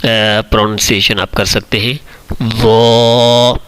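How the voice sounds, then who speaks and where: A man's voice: medium pitch, flat delivery, a bit bright, smooth. Patient man teaching the alphabet. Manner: slow, patient, drawn-out letter recitation; explains in Urdu mixed with English words. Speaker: Quran teacher. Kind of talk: online alphabet lesson.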